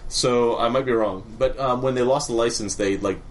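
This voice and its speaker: A man's voice: medium pitch, normal speed, a little hiss or hum. A man hosting a podcast in casual chat, using a put-on radio announcer voice. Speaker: podcast host.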